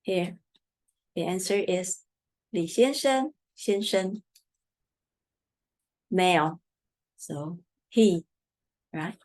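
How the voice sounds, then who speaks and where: A woman teaching a Chinese lesson in English, patiently repeating words slowly for learners, with Mandarin as her first language. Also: fairly low pitch, lively intonation, darkish tone. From Taiwan. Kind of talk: slow language lesson explanation.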